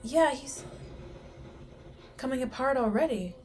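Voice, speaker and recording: A woman's voice: sits high, a little slow, a little hiss or hum. A woman hosting a casual reaction video, speculating aloud to her viewers and gasping and exclaiming at the screen. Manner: excitable, gasps and exclaims at the screen.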